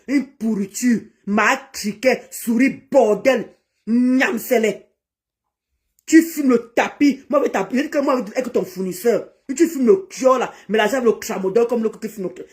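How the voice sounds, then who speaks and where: A woman on a live stream, confrontationally scolding and insulting someone, swinging between shouting and low muttering. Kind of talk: heated live-stream rant.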